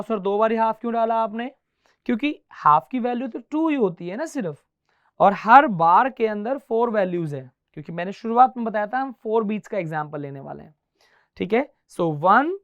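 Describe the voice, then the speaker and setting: A man's voice: high-pitched, expressive, fairly quick, a bit bright, highs cut off. A male guitar teacher giving a classroom lesson, counting beats aloud and mixing Hindi with English. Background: faint guitar playing.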